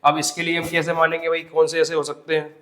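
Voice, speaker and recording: A man teaching a Hindi grammar lesson for exam preparation, explaining step by step, repeating definitions, asking the class rhetorical questions and drawing out example words slowly. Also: on the high side, monotone, a bit bright. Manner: addresses students as "bhai". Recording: echoey classroom sound.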